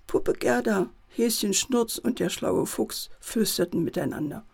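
A woman narrating a children's bedtime story in a gentle, lively way. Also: medium pitch, unhurried, creaky, husky.

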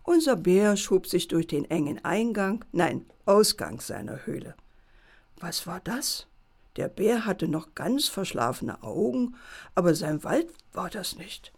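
Gravelly woman reading a bedtime story. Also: fairly low pitch, animated, measured pace, darkish tone.

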